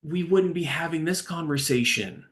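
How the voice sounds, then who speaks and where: A man appears as a recovery-coach guest in a conversational interview, speaking earnestly and getting more animated as his story unfolds. His voice sits on the high side and his speed is normal.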